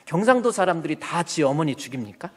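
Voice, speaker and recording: A man preaching a Sunday sermon as pastor, talking colloquially with loud, emphatic bursts. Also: a little high, sing-song, fast talker, slight background noise. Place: church sanctuary. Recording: long church reverb. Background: long hall reverb.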